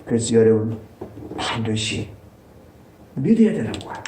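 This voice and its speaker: A man's voice: fairly low pitch, big pitch swings, moderate pace, mellow, slight background noise. A man preaching a sermon as pastor, emphatic and repeating his key points. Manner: emphatic, repeats key lines, voice swings up for stress. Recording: echoey church sanctuary.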